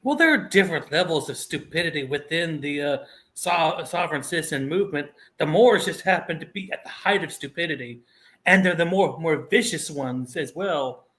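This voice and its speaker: Co-host guy, bit high pitched, dry and sarcastic, measured. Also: expressive, fairly bright tone. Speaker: podcast co-host. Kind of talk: casual chat.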